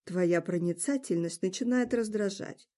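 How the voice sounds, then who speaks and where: A woman's voice: medium pitch, normal speed, warm tone, close to an everyday voice. A woman reading the part of a teasing trickster god with a theatrical, mocking delivery. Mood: sly. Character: sly mocking trickster god, male, grown man.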